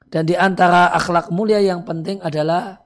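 Calm preaching Islamic cleric, man. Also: high-pitched, moderate pace. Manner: calm preaching, many "eh" and "ya" fillers. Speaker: Islamic cleric answering listener questions. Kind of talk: religious advice talk.

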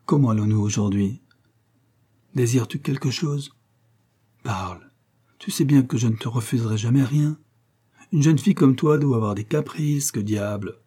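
A man's voice: mid-range voice, normal speed, long pauses, mellow, breathy edge, lightly acted. A man playing a doting, blustering rich father in an audiobook, coaxing with forced jovial cheer.

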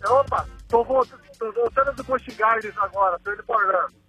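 A man's voice: sits high, a little fast, sharp tone, soft background music. A man, calling a radio show over the phone from a car in traffic. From Santo André, Brazil. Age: 30s. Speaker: radio caller. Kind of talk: casual phone chat. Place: on a highway in traffic.

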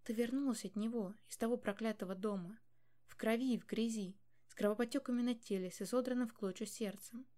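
A woman's voice: on the high side, brisk, natural voice. A woman voicing a weary, grave old king. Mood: resigned. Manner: quiet, heavy, resigned.

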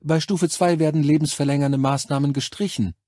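Guy doing a chirpy but icy young nurse, high and breathy, dry recording. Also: steady tone, a little fast, warm tone, no room sound, close to an everyday voice. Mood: gushing. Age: 20s. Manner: falsely cheerful, mocking. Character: brisk young female hospital nurse, cold.

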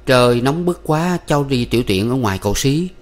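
A man putting on a jittery young man with a noticeably raised voice. He stammers and hesitates, then rushes his pleas, with an anxious, pleading tone throughout in this audiobook tale. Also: medium pitch, pitched above the performer's own voice, close to an everyday voice. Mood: nervous.

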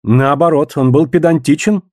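A man's voice: medium pitch, lively intonation, a little fast, warm tone, no room sound, studio quality, natural voice. A man voicing a hot-tempered, opinionated doctor in an audiobook, in a heated, raised voice.

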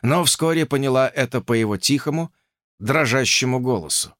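A man reading a story aloud in an expressive storytelling manner. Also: medium pitch, moderate pace, no echo, clean studio sound. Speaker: audiobook reader. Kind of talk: scripted narration.

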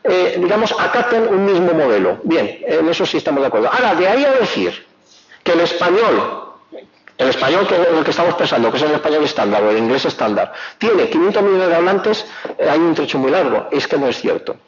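A man's voice: fairly high pitch, sing-song, fairly quick. A male professor giving an academic lecture, explaining step by step with rhetorical questions and self-corrections. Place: lecture hall. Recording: dull lo-fi recording.

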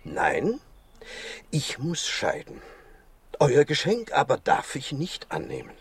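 An actor playing a kind, principled animal doctor, theatrical and earnest, in a children's radio play. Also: male voice, a little high, wildly swooping pitch, slow, husky, no echo, heavily acted.

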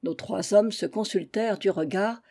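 A woman narrates a classic literary tale in a calm, measured audiobook reading. Her tone is mellow and warm, and her pitch is average. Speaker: audiobook reader.

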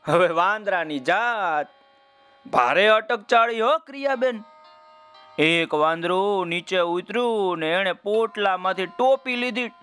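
A man narrating a children's folk tale, speaking straight to his young listeners. His voice sits high and smooth, and he takes his time with each phrase. Soft music plays faintly behind him. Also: expressive, a little slow. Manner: warm, addresses young listeners directly by name. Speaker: children's storyteller.

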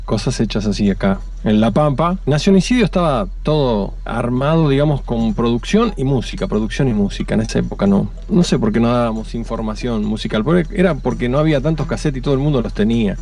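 A man's voice: medium pitch, quick pace, few pauses, a little mellow. A man with an Argentine accent reminiscing casually about making radio programmes.

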